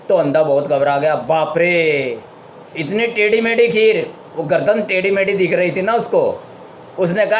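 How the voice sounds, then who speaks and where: A man giving a spiritual talk, retelling a parable step by step and stopping to ask his listeners questions. His voice sits a little high for a man. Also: darkish tone, slight background noise. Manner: explains by retelling and rhetorical questions. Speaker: spiritual speaker.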